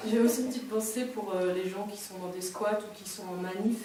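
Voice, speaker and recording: A woman performing a storytelling stage monologue, lively and self-mocking, acting out sounds and cries. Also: mid-range voice, brisk, a loud crowd. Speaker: performer of a political stage lecture. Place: theatre stage before an audience. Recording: distant, echoey stage recording.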